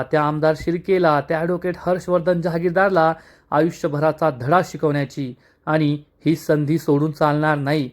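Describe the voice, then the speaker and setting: Determined young woman, soothing but firm, voiced by a man, somewhat high pitch. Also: lightly acted. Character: resolute young woman, calm and reassuring.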